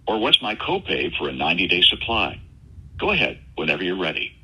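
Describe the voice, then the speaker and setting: A man's voice heard as a recorded phone menu message, giving automated pharmacy prompts in an even, announcing manner. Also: deep voice, fairly quick, husky, rough recording. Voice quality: evenly paced, announcing manner.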